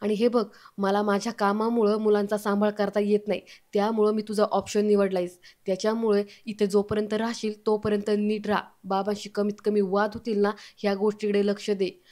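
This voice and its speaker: A woman reading the lines of a firm young husband who lectures and warns, in a mellow, flat voice. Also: mid-range voice, brisk, close to an everyday voice.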